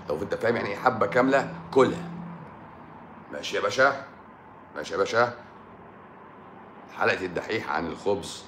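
A man with an Egyptian accent, a doctor hosting a live stream and answering viewers' comments, teasing and sarcastic, dropping to mutters and then rising to loud bursts. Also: on the low side, roomy sound, slight background noise. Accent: Egyptian Arabic.

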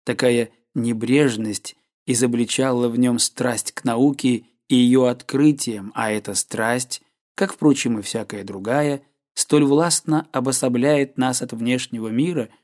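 A man narrating a classic novel as an audiobook, in a measured, even storytelling manner. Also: medium pitch. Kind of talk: scripted literary narration.

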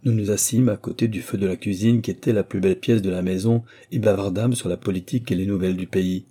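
Husky, dark-toned male narrator. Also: lowish voice, fairly even intonation, fast talker. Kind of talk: audiobook reading.

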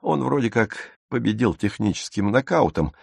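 A man narrating an audiobook with a lively, expressive reading on a close studio mic. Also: fairly low pitch, moderate pace, creaky, breathy edge, dry recording.

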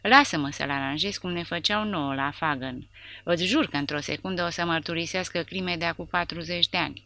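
A woman's voice: lowish voice, gravelly, sharp tone, dry recording. A woman voicing a hulking, savage male soldier who speaks with cruel gloating.

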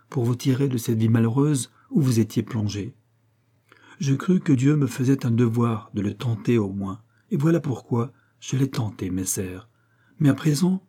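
A man reading aloud who voices an earnest, pious sixteen-year-old Venetian girl, pleading softly and at times in a hushed voice. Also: mid-range voice, breathy edge, lightly acted. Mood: remorseful. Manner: pleading, soft and dreamy, sometimes whispered.

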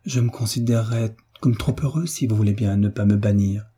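A man's voice: on the low side, fairly even intonation, brisk, mellow, husky. A man voicing a shy but earnest young man speaking seriously, in an audiobook.

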